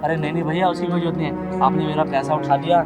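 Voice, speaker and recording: Brief: a man doing a thankful passerby with a highish, heartfelt voice. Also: flat delivery, fast, music in the background, lightly acted. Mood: grateful. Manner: grateful and earnest. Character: grateful man who fell in the street.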